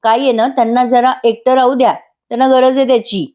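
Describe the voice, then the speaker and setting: A woman voicing a calm young heroine from a TV serial who soothes and reassures the family. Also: on the high side, quick pace, voice pushed up, lightly acted. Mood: reassuring.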